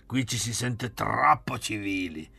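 A man's voice: on the low side, slow pace, vocal fry, pushed and bright, slightly rough, pitched above the performer's own voice, exaggerated voice. A man reading aloud, voicing a mocking, restless young man who needles his friends. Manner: sneering, provocative. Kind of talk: audiobook reading.

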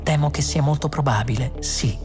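A woman voicing a cool, clever young woman scientist who speaks calmly and dryly. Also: low-pitched, normal speed, music in the background, lightly acted.

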